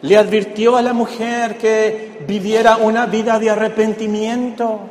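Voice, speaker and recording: A man's voice: sits high, little pitch movement, a little slow, a little mellow. A man preaching a sermon, explaining a Bible passage and asking the congregation rhetorical questions. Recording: echoey hall with long reverb, faint background noise.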